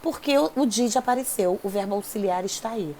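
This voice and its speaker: A woman's voice: medium pitch, expressive, fairly quick, warm tone, slight background noise. A woman teaching an English grammar lesson, explaining rules step by step and checking in with her students often. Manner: patient, repeats rules, checks in with "tá?" and "ok?".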